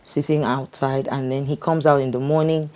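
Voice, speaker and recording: A middle-aged woman candidly telling her life story in conversation, halting with fillers and restarts. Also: extremely low pitch, steady tone, a little mellow. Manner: hesitant, with frequent fillers and restarts.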